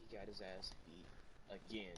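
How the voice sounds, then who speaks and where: A teenage boy in casual chat telling an animated, profane story. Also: low voice, normal speed, a crowd in the background, poor audio.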